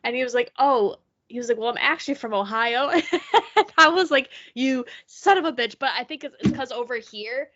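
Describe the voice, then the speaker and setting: A woman's voice: fairly high pitch, brisk, hardly any pauses, sharp tone. A young woman from the Chicago area co-hosting a podcast, telling stories animatedly and laughing often. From Chicago area, USA. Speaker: podcast co-host. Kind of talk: casual chat. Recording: dull lo-fi sound.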